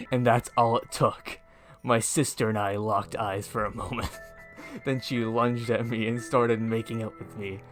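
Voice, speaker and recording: A man casually reading a joke post aloud in an unhurried way. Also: lowish voice, flat delivery, soft background music. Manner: slow, unhurried, breaks into laughter.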